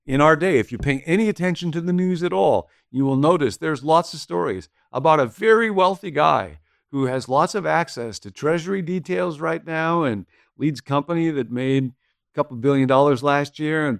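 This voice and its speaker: A man's voice: on the high side, creaky, no echo, clean studio sound. A man teaching a sermon-style video lesson, conversational and explanatory, reading scripture with casual asides. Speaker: pastor.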